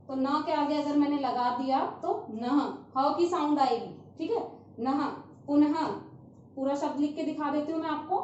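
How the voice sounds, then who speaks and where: A woman teacher giving a primary school lesson on vowel signs, patiently repeating each sound slowly and checking in often. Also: high voice, slight background noise. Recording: distant, very echoey, dull lo-fi sound.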